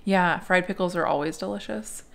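A woman's voice: fairly low pitch, moderate pace, vocal fry, fairly bright tone. An American woman in her thirties giving a casual, conversational food review at home. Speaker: food and travel vlogger. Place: small living room at home, indoors on a couch.

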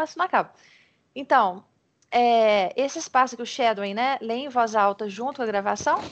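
A woman's voice: fairly high pitch, a bit bright, highs cut off. A Brazilian Portuguese-speaking woman teaching English in an online lesson over a video call, chatty and encouraging, often restarting her sentences as she explains.

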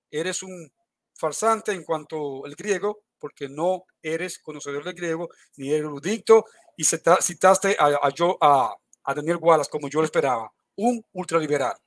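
A man with a fairly high voice argues hard in an online debate. He throws out challenges, accuses his opponent and repeats his points again and again. He talks over what sounds like a video call.

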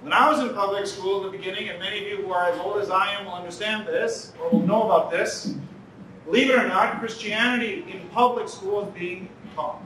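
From a podium in a big banquet hall, a Toronto man delivers an earnest conference lecture and repeats his key lines. His voice sits high, with a sharp tone and brisk pace. Captured by a distant podium mic, the audio is echoey with a touch of hiss or hum.

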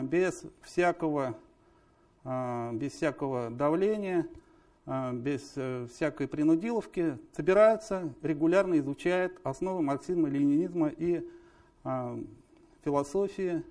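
A man moderating a live panel discussion, introducing guests and hesitating with many drawn-out filler sounds. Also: a little high, darkish tone.

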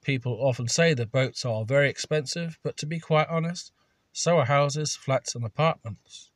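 A man's voice: medium pitch, moderate pace, no room sound. A man reading a scripted voice-over with dry, sardonic humour. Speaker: video narrator.

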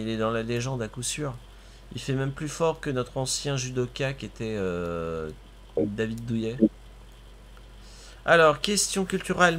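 A man's voice: medium pitch, slight background noise. A man streaming a video game with his cousin, chatting casually, exclaiming at the action and laughing often. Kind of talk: casual gaming commentary.

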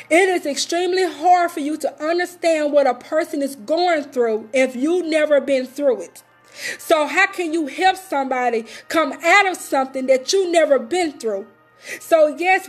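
Woman, prophet, high voice, emphatic repeating sermon testimony. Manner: emphatic, repeats phrases, addresses viewers directly. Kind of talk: sermon-style testimony on a live video.

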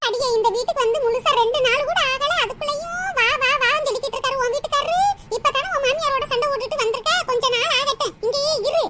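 A woman voicing a scheming older mother-in-law in a cartoon, with a Kanyakumari Tamil accent and a sharp, scolding way of talking. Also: very high-pitched, quick pace, a little hiss or hum. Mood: fussing. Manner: scolding, sharp-tongued, doting to her daughter. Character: older scheming mother-in-law who favours her daughter. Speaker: cartoon voice actor. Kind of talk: comic cartoon voice acting.

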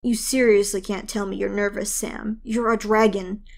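A woman's voice: mid-range voice, flat delivery, moderate pace, creaky, a little mellow, natural voice. A woman voicing a bold young female shifter who teases her friend with a smirk. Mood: teasing. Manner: teasing, smirking.

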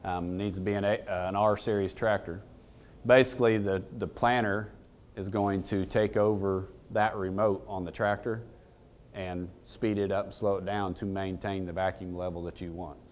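A deep, fairly flat voice at normal speed belongs to an equipment dealer in his thirties giving an informal technical talk to a conference-room audience, with a little hiss or hum on the recording. He speaks plainly and folksily and often poses questions to those present.

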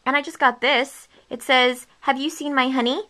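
Here her voice is high and bright with a forceful tone, fairly even in intonation and moderate in pace. The twenty-something woman rambles and giggles through a casual vlog chat, bubbly yet sleepy and slightly delirious, now and then whispering. A handheld camera held close to her face captures her in a small home studio furnished with a big red chair and a green screen.

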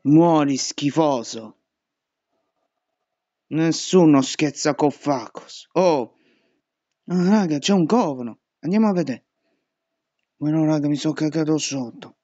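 A man's voice: a little high, lively intonation, slow, long pauses, no echo, dull audio. A young man commentating a horror game, panicking and swearing at every scare. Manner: panicky, swearing and shouting at jumpscares. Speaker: gaming youtuber.

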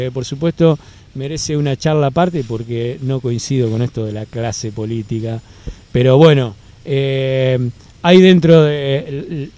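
A man's voice: on the high side, dark tone. Argentine man speaking in a park. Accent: Rioplatense Spanish. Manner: measured, many fillers and restarts, emphatic lists. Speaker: interviewee. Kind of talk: political interview answer. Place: outdoors in a city park. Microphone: handheld mic held by interviewer.

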